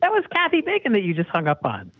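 A caller teases the host in an animated way, with a voice that swings widely in pitch. The voice is breathy and husky, and it comes through a dry, tinny phone line. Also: quick pace, no echo. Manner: teasing, animated. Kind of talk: casual phone chat.

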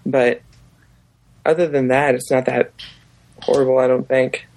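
A man's voice: medium pitch, steady tone, a little slow, a little mellow, poor audio. A man talking casually and informally as a guest on a podcast. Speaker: podcast guest, drag performer. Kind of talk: casual chat.

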